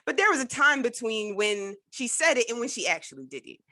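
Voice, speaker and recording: A woman hosting a casual podcast interview, talking, animated, laughing often and restarting her sentences. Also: a little high, fairly quick, no echo, clean studio sound. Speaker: podcast host.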